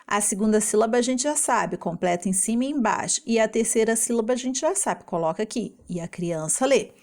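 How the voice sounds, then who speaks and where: A woman teacher explaining a homework lesson to young children in Brazilian Portuguese, patient and slow, sounding out syllables. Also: a little high, lively intonation, darkish tone.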